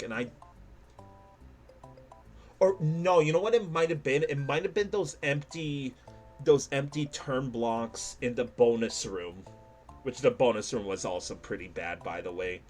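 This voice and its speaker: A man giving casual gameplay commentary as a streamer, animated and self-mocking, laughing often. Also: medium pitch.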